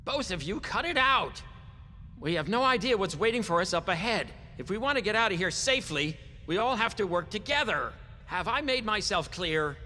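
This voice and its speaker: A man playing an earnest young male leader in an anime English dub, calming the others down. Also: sits high, normal speed, in a large hall, a little hiss or hum, full character voice. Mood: firm. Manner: earnest, peacemaking.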